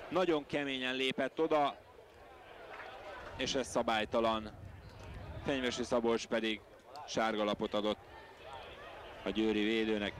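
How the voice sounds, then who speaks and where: A man giving live football match commentary in an excitable manner. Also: on the low side. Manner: excitable, voice leaps on big moments. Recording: noisy outdoor match broadcast.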